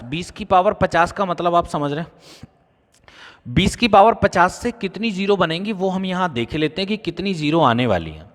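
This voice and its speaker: Hindi maths teacher in an echoing classroom. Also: male voice, a little high, a bit bright. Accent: North Indian Hindi. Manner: explains step by step, asks the class questions and answers them himself. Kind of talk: whiteboard maths lesson. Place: coaching-centre classroom. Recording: long room reverb.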